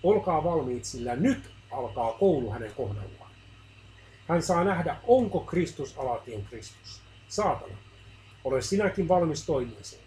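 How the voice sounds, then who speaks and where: Brief: stern majestic God figure, read by a male narrator, solemn orders, slightly raised pitch, faint hiss behind. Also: very animated, darkish tone, low-quality recording. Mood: commanding. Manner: solemn decrees.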